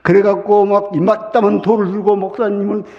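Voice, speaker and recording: Pastor preaching in a sanctuary with a long reverb; dramatic, whispers to shouts, raspy edge. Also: male voice, high-pitched, little pitch movement, a little fast. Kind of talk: sermon. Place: church sanctuary. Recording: muffled sound with long hall reverb.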